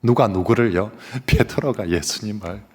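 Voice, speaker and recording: A man's voice: fairly low pitch, moderate pace, a little mellow, slightly rough. A male senior pastor preaching a Sunday sermon, telling the story vividly and putting questions to the congregation. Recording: long reverb of a church sanctuary.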